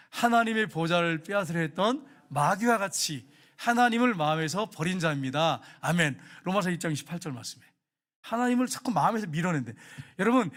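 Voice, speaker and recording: A man preaching a sermon in a church, telling a lively story, acting out the quoted lines and chuckling along the way. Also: high-pitched. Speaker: pastor. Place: church sanctuary.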